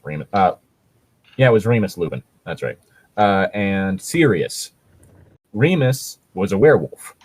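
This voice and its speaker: This co-host, a man whose low voice is husky and a little mellow, reads fan fiction and talks about it casually. He explains things in a loose, rambling manner, swearing often, and the audio has no echo.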